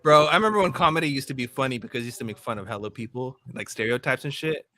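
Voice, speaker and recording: A man chatting on a live-stream video call, animated, quick to laugh and saying bro often. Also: medium pitch, a little hiss or hum. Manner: animated, laughs easily, says bro a lot. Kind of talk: casual live-stream chat.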